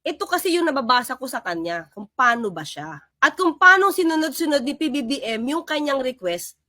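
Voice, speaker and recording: A woman reacting to clips in lively, sarcastic political commentary. Her voice sits high and sounds bright and sharp. The recording is dry, with no room sound. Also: fairly quick, no echo.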